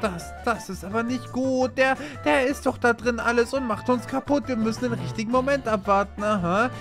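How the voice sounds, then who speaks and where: A man hosting a Minecraft roleplay, talking excitably to viewers and repeating words fast when he panics. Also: extremely high pitch, over music. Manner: addresses viewers directly as "Leute". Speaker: channel host and roleplayer.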